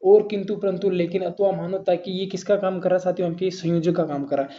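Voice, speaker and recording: A man runs an exam-prep grammar lesson with a mellow tone, posing questions to his students and answering them himself. The recording sounds dull and lo-fi. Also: high voice, fairly even intonation, quick pace. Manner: addresses students as "saathiyon", asks and answers his own questions. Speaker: Hindi grammar teacher.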